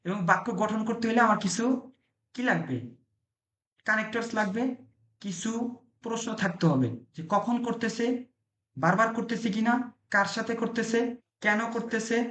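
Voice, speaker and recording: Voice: medium pitch, normal speed, long pauses, fairly bright tone. A language teacher gives an earnest lecture. The teacher keeps asking rhetorical questions and answering them. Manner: earnest, exhorting tone. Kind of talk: online lecture. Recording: echoey room.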